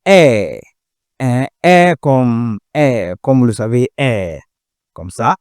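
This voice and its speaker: A man from Ghana teaching a language class, repeating each word slowly and carefully to drill pronunciation. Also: mid-range voice, animated, a little mellow, clean tone, dry recording, clean studio sound. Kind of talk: pronunciation lesson.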